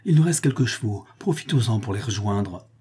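A man's voice: fairly low pitch, animated, a little fast, warm tone, breathy edge. A man reading aloud, voicing a frightened loyal palace servant with urgent, pleading warnings.

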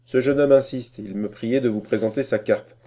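Un homme jouant une vieille servante aigre. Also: male voice, steady tone, normal speed, warm tone, close to an everyday voice. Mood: grumpy. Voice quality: sour, shrill. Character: ugly grumpy old woman servant.

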